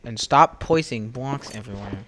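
Young male gamer, bossy, cusses, shouty and lively on headset chat. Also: mid-range voice, moderate pace, slight background noise. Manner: bossy, swearing, shouts at teammates. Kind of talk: casual gaming voice chat.

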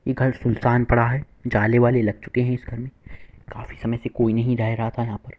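A man's voice: mid-range voice, little pitch movement, brisk, phone-quality sound. A man giving playful, boastful live commentary to viewers while playing a shooter game, with gunfire behind him. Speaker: gaming streamer.

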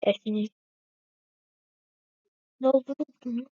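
A woman's voice: on the high side, fairly even intonation, normal speed, slight background noise. A woman giving casual gameplay commentary, chatting to viewers and calling them friends again and again. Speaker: gaming video maker. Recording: dull lo-fi dry recording.

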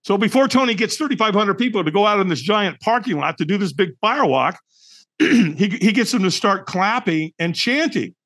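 A man's voice: sits high, big pitch swings, moderate pace, a bit bright. A middle-aged man, a podcast guest, telling a personal story in an emphatic, colorful and profane way, acting out his own thoughts.

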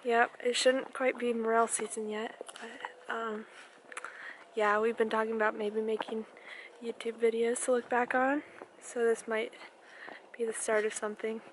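A woman's voice: fairly high pitch, level tone, normal speed. Self-conscious young American woman, noisy outdoor recording. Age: early twenties. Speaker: vlogger. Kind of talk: casual vlog chat. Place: outdoors on wooded trail and open prairie. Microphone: camera at arm's length. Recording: noisy outdoor handheld camera audio.

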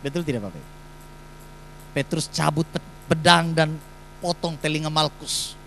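A man's voice: a little high, expressive, normal speed, gravelly, sharp tone, a little hiss or hum, rough recording. A man, preaching a sermon in a church and putting emphatic rhetorical questions to the congregation. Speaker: pastor.

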